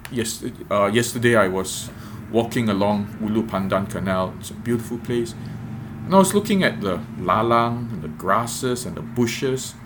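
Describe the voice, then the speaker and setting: A man giving a reflective devotional podcast talk as a preacher, measured and repeating phrases for emphasis. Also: on the low side, noisy background.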